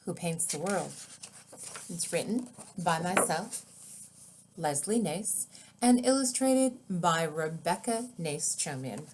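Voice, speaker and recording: In a lowish voice, with a little hiss or hum in the background, a woman reads aloud from her own children's storybook, drawing out her phrasing expressively and deliberately.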